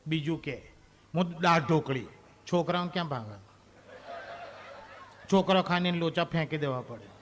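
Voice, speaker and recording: A man's voice: a little high, normal speed, long pauses, slight background noise. A man performing a stand-up comedy monologue on stage, chatting straight to the audience and acting out scenes from married life. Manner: chatty, addresses the audience directly.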